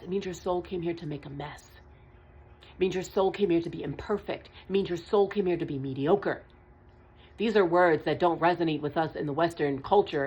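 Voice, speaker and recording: A fairly low-pitched female voice with a breathy edge, captured with lo-fi sound. In her spiritual vlog monologue, the tarot reader delivers a channeled message with earnest emphasis, restating her points and cursing offhandedly.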